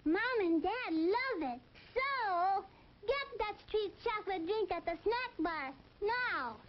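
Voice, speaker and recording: A performer voicing playful cartoon children who chant a counting rhyme in a vintage drive-in ad, from a lo-fi old film soundtrack. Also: female voice, very high-pitched, expressive, slow pace, slight background noise, heavily acted. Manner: sing-song, playful chanting.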